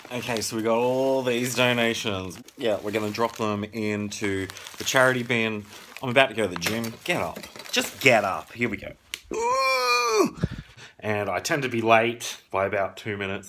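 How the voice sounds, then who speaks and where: A man's voice: lowish voice, a bit bright, a little hiss or hum. A man talking casually to a handheld camera in a vlog, chatty and joking, swinging between mumbles and sudden bursts. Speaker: vlogger.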